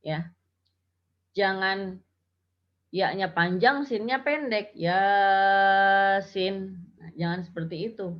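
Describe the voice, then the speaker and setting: A woman's voice: mid-range voice, expressive, slow, long pauses. A woman teaching Quran recitation rules, explaining patiently and chanting example syllables. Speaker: tajwid teacher. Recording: dull lo-fi audio.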